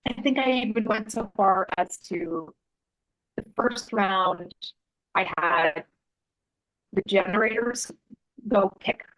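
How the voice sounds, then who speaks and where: A woman guest in a relaxed interview, telling a story in a thoughtful, meandering way, with fillers and self-corrections. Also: mid-range voice, slow, pauses often, low-quality recording. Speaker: interview guest, artist and Human Design author.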